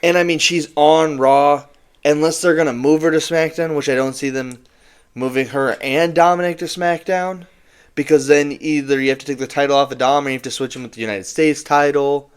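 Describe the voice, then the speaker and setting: A man's voice: on the high side, fairly even intonation, fairly quick, smooth. A young man co-hosting a casual wrestling recap podcast, rambling and stumbling over words. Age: young adult. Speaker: podcast co-host.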